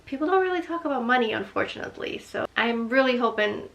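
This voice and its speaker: A woman's voice: a little high, lively intonation, quick pace, gravelly, fairly bright tone, dull audio. A woman in her twenties from Guyana giving earnest, chatty advice in a casual vlog, full of "like" fillers. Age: 20s. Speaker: vlogger.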